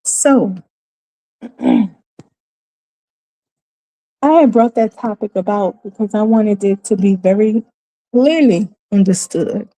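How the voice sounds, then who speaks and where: A woman's voice: medium pitch, takes it slowly, long pauses, warm tone, no room sound, poor audio. A woman talking through a casual monologue, emphatic and repeating phrases to drive points home. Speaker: commentary vlogger.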